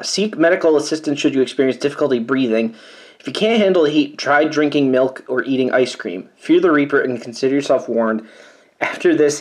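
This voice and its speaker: A man doing a spicy chip challenge on his vlog, nervous and sighing as he reads the warnings aloud with wry asides. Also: on the high side. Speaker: YouTuber doing a food challenge. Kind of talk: casual vlog commentary.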